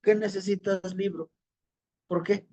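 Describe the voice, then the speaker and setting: A man voicing a calm, wise old grandfather who gently teaches a young man in a spoken tale. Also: high voice, a little slow, dry recording, dull audio. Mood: calm, patient. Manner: gentle, patient commands.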